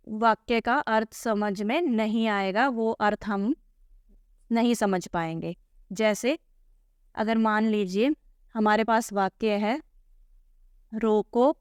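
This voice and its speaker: A woman's voice: fairly high pitch, smooth, dry recording, studio quality. A woman teacher working through a textbook lesson, patiently asking questions and answering them herself. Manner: patient, asks and answers her own questions. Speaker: Hindi teacher.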